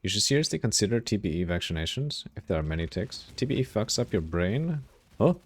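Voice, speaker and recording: A man streaming a game live, reacting loudly, swearing freely and reading chat messages aloud. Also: lowish voice, sing-song, a little fast, breathy edge. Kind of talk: casual live-stream commentary while gaming.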